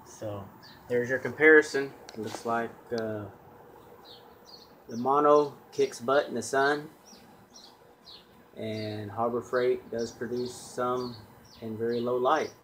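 A man's voice: mid-range voice, fairly even intonation, slow pace, pauses often, fairly bright tone, a little hiss or hum. A man filming his own equipment test with a handheld camera, talking plainly and rambling with fillers and restarts. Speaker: solar hobbyist vlogger. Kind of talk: casual off-the-cuff demo.

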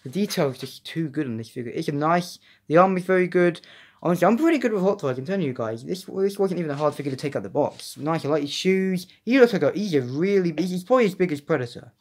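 Excitable young man reviewing toys. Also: a little high, fast. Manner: chatty, excitable, rambling with restarts. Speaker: toy reviewer. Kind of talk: casual unboxing vlog.

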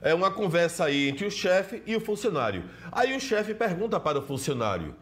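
A man's voice: high-pitched, big pitch swings, fairly quick, fairly bright tone, a little hiss or hum. A man teaching an English lesson in Portuguese with a Brazilian accent, explaining step by step and greeting students by name. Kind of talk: televised classroom lesson.

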